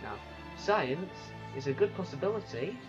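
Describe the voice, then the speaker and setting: A man giving unscripted commentary on a strategy game, thinking aloud in a halting way. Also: sits high, lively intonation. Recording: muffled lo-fi recording with music. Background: music.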